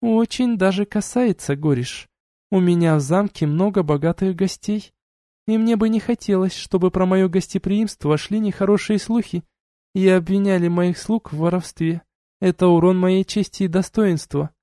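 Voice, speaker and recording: A man reading an audiobook and voicing a cold, scornful noble duchess who lectures in a measured, sarcastic way. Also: high-pitched, warm tone, no room sound, clean studio sound, lightly acted.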